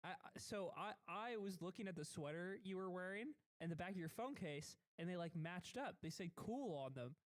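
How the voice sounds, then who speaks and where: High-voiced man rambling about himself. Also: expressive, a little fast, few pauses. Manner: rambling, self-mocking, laughs often. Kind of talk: casual chat.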